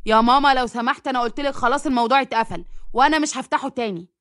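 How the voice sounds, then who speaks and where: A woman's voice: high-pitched, racing, a bit bright. A woman voicing a curt, upset young man with an Egyptian accent who speaks in clipped lines.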